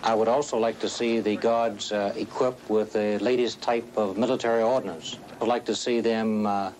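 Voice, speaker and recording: Low voiced official guy explaining in an old interview, halting, bit of hiss. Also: fairly even intonation, a little mellow, poor audio. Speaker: security official being interviewed. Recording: old TV interview, faint noise.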